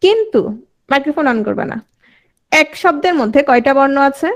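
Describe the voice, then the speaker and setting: A woman teaches an online class in a high voice. She keeps putting questions to her students, then repeats their answers as she explains. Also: animated, moderate pace.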